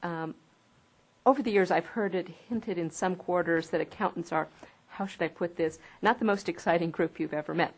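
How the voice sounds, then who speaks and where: A woman interviewer with a low-pitched voice asks her guests questions. She phrases them wryly, with a light, teasing edge. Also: moderate pace, slight background noise. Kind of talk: oral history interview.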